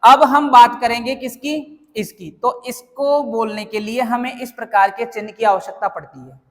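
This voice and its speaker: High-voiced male teacher in echoey room. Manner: asks the class questions and answers them himself. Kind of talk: classroom grammar lesson. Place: classroom with students.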